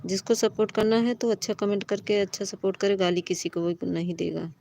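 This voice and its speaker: A woman's voice: medium pitch, steady tone, brisk, gravelly, darkish tone. Pleading woman live streamer. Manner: pleading, repeatedly reassuring and scolding commenters. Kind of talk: live chat with viewers.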